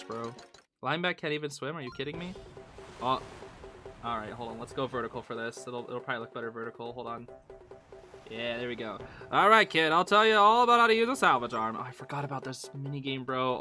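A young man hosting a game channel, narrating his play in excitable, slangy commentary from a home room at night into a close mic. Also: medium pitch. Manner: excitable, slangy, bursts into yelling. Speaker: gaming channel host. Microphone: close desk mic.

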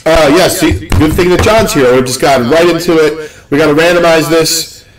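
A young man from the Northeast US hosting a live card-opening stream, rambling and joking with excitement. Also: a little high, normal speed, over music, rough recording. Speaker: card break host.

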